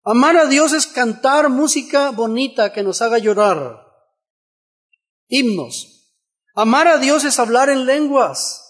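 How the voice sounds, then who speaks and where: A man delivers a church sermon in a remarkably high voice. He drives each point through repeated phrases and rhetorical questions, reading scripture aloud along the way. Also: animated, takes it slowly, fairly bright tone. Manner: emphatic repetition and rhetorical questions. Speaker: preacher.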